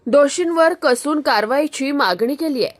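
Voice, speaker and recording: A woman narrates a regional news report in a high voice with formal, measured delivery. The recording is close and dry, with no room sound. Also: lively intonation, no room sound.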